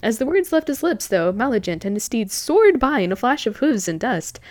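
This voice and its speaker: Young woman, high voice, hesitant, amused reader of an old story. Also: big pitch swings, normal speed. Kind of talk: reading an old story aloud with jokes.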